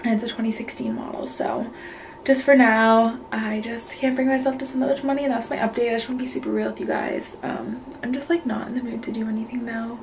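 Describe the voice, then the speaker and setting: A young woman in her twenties vlogs into a close phone camera, her voice a touch high and kept soft, at times nearly whispered. She sounds stressed and anxious, speaking in a low-key, casual way. A faint background noise sits under her voice. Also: expressive, fairly quick, gravelly. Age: 20s. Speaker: vlogger. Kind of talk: casual vlog talk to camera.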